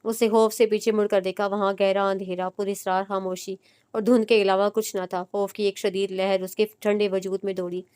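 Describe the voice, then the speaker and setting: Brief: female audiobook narrator, measured reading, crisp voice, little pitch movement. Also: flat delivery, darkish tone. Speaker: novel narrator. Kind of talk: audiobook narration of a romance novel.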